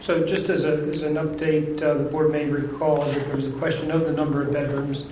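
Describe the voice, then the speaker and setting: A man, a township zoning official, giving a measured, procedural report at a public hearing. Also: fairly high pitch, level tone, darkish tone. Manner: measured, procedural, some restarts. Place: township meeting room. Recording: echoey meeting room, faint hum.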